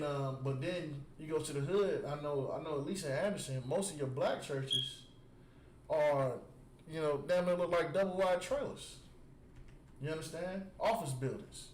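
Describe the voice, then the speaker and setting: A man preaches in an emphatic, repetitive style and keeps checking whether his listeners follow. His voice sits somewhat high. The recording rings with echo, with a faint hiss of noise underneath. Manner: keeps asking "You understand?" after nearly every point; emphatic, repeats words while building a point. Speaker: religious teacher. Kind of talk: street preaching with call and response. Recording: echoey space with faint background noise.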